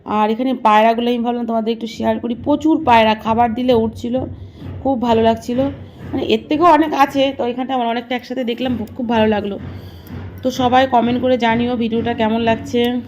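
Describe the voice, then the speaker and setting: A woman with a hoarse voice from a cold, chatting straight to her viewers in a casual travel vlog, filmed outdoors on a handheld phone. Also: fairly high pitch, fairly even intonation, a little fast, a little mellow, a little hiss or hum. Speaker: travel vlogger. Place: outdoors, bus stop and beach.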